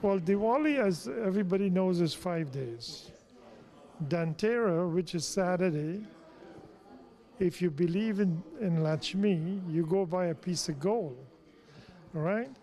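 A middle-aged man from Guyana, a temple president answering interview questions in a measured, explanatory way. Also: high-pitched, expressive, mellow.

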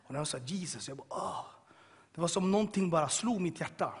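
A man with a slightly high, husky voice tells his testimony to a listening crowd. He swings between sudden loud bursts and quiet, hushed stretches. His voice rings out with a long reverb, as in a big hall. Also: animated. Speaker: person giving a testimony. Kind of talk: personal testimony to an audience.

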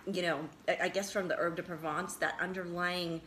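A woman's voice: fairly low pitch, level tone, normal speed, heavy background noise. Chatty, enthusiastic middle-aged woman. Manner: enthusiastic, chatty, laughs often. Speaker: show co-host. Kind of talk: casual chat over a dinner. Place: dining table indoors.

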